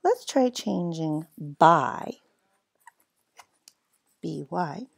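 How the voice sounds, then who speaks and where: Stretching out every sound, a woman leads a phonics lesson for first graders, sounding out letters and words slowly and with exaggeration. Her low, expressive voice has vocal fry and a breathy edge, and she cheers the kids on with upbeat, encouraging teacher talk.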